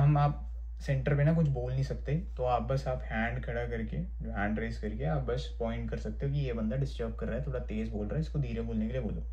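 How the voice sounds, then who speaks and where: Recorded with the highs cut off, this young man from India has a medium-pitched, darkish voice. As a vlogger, he casually recounts something that happened to him, swearing and saying "bhai" again and again.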